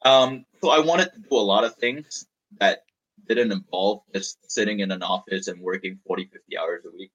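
Heard through a muffled recording, a man in his thirties from Malaysia, a startup founder, talks candidly about his journey in an interview, drifting a little and repeating words as he thinks. His pitch is fairly low, his tone a bit bright, his pace moderate.

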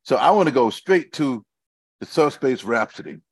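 A man's voice: mid-range voice, animated, normal speed, breathy edge, no echo. A man co-hosting a casual chat, rambling and repeating himself, with loose grammar.

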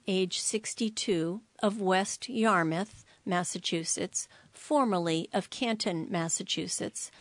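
A woman reading a newspaper aloud, giving obituary notices in a slow, measured and careful manner. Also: medium pitch, no echo. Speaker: volunteer-style newspaper reader for a reading service for the blind. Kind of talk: read-aloud newspaper narration.

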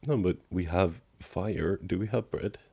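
Male podcast co-host, deep husky voice, joking casual chat. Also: unhurried, dark tone. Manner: playful, joking. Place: home in the Netherlands.

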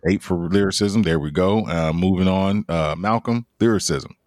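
Male podcast host, deep voice, dry sound, easygoing moderator. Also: moderate pace, no room sound. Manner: laughs easily, steady moderating. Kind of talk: casual podcast discussion.

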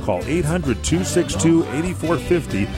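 A man's voice: a little high, expressive, measured pace. Male commercial announcer over music. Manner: polished promotional delivery. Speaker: advertisement announcer. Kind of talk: scripted hotel commercial narration.

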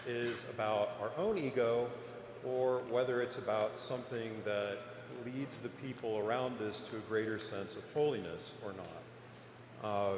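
Male preacher, informal sermon, conversational and hesitant delivery, frequent pauses, very echoey church with long reverb. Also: medium pitch. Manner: conversational, hesitant, pausing often. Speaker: preacher giving a parish sermon. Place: large echoing church interior. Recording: echoey reverberant church, noticeable background noise.

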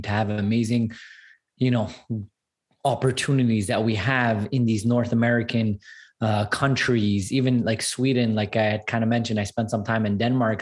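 Earnest upbeat man from Canada. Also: mid-range voice. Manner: earnest and upbeat, repeats himself for emphasis. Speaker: guest entrepreneur and speaker. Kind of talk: casual interview storytelling.

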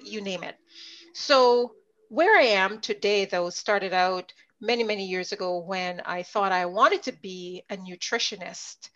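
Animated woman telling a story. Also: mid-range voice. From Jamaica. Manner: animated storyteller, voices others in quotes. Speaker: leadership coach. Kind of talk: conversational interview storytelling. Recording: dull lo-fi audio.

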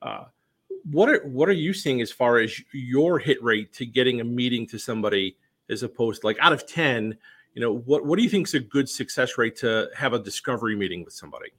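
A man's voice: mid-range voice, animated, brisk, fairly bright tone. A man hosting an interview who asks long, rambling questions, often repeating words as he goes. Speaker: interview host.

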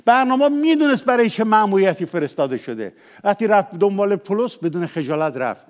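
An older man with a Persian accent, a pastor preaching a sermon, shifting between emphatic raised passages and quiet confessional asides. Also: high-pitched. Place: church, at the pulpit.

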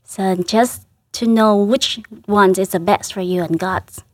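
Slow, gentle Vietnamese-accented woman. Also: mid-range voice, dry recording, clean studio sound. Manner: gentle, earnest, halting with restarts, laughs often. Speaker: religious sister, interview guest. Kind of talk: emotional personal reflection.

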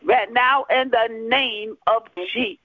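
A woman's voice: fairly high pitch, steady tone, measured pace. Woman praying over a tinny landline. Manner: urgent, repetitive prayer phrases. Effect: heard over a landline phone. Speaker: minister leading prayer. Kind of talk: fervent spoken prayer. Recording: narrow tinny phone line.

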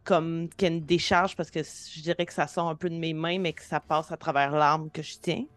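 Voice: medium pitch, little pitch movement, moderate pace, fairly bright tone. A player, thinking aloud and describing their attack in a tabletop game. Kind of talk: casual tabletop play.

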